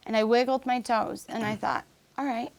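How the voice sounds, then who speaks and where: Earnest woman telling her story, halting. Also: a little high, fairly even intonation, gravelly. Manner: halting, with restarts and fillers. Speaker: interview guest. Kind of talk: personal story in a podcast interview.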